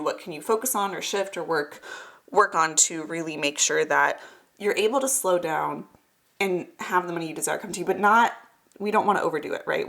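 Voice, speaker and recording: This tarot reading host has a fairly bright voice that sits on the low side. Slightly stuffed up with a cold, she speaks informally and directly to viewers, offering reassurance and encouragement and driving points home through repetition.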